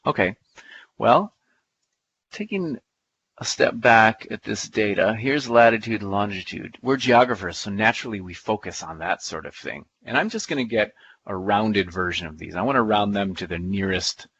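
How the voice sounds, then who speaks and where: A man walks through a software demonstration in a playful, folksy way, thinking aloud as he goes. His voice sits a little low. The recording is dull and lo-fi, like conference audio. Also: normal speed, slight background noise. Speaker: presenter. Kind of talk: live software demo talk.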